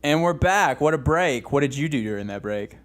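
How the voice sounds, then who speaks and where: A man's voice: mid-range voice, lively intonation, fairly quick. A young man co-hosting a comedy podcast in casual chat, rambling and giggling with lots of restarts. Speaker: podcast co-host.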